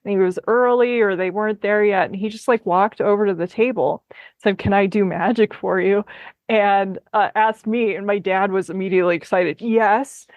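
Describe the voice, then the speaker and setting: A woman's voice: medium pitch, brisk, no echo, dull audio. A woman hosting a podcast, chatting casually and telling a story with frequent laughs. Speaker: podcast host. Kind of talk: casual conversation.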